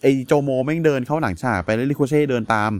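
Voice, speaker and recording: A man's voice: medium pitch, fast. A man co-hosting a casual wrestling podcast, chiming in with crude slang and easy agreement. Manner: laid-back, crude slang, frequent agreeing interjections. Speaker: podcast co-host. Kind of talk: casual wrestling recap chat.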